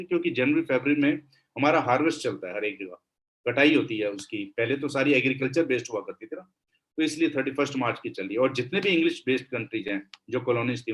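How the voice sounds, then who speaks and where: A man with an Indian accent teaching accounting in a classroom lecture, switching between Hindi and English and slowing down to dictate definitions. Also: medium pitch, rough recording.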